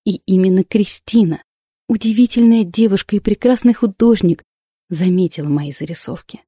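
A woman reading a first-person audiobook in a calm, measured storytelling voice. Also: medium pitch, husky, no room sound, clean studio sound. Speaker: audiobook narrator.

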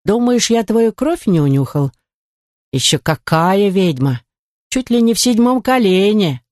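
A woman voicing a shaggy little male house spirit who is grumpy and mocking, speaking in a gruff, rumbling, drawn-out way in an audiobook. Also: sing-song, darkish tone, no room sound, studio quality.

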